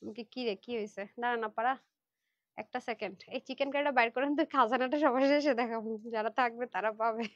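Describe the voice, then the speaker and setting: A slightly high, somewhat bright female voice talks fast on dull audio with no room sound. She's running a live clothing sale on Facebook, pressing and chatting with viewers while sounding tired from the long session.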